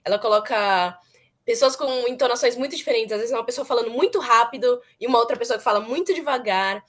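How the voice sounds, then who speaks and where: A woman's voice: fairly high pitch, quick pace. A young woman chatting earnestly as an interviewee, repeating words for emphasis. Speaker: former student interviewee. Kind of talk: casual interview chat.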